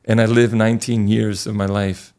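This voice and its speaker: Middle-aged priest, deep gravelly voice, earnest and relaxed when he recounts his past. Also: moderate pace. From Connecticut, USA. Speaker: priest, guest. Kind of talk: conversational interview storytelling.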